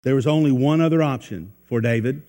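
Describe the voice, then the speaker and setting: A man's voice: mid-range voice, a little fast, mellow, big-room sound. A man preaching a sermon, folksy, asking his listeners questions and acting out the people in the story. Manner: folksy, asks the listeners questions, acts out quotes.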